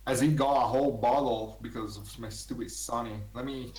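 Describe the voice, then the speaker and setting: A man's voice: medium pitch, fairly even intonation, moderate pace, a little mellow, recorded from a distance, natural voice. A man voicing a confused, apologetic old male tavern keeper in a tabletop game. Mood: flustered. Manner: flustered, apologetic. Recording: echoey room, off mic.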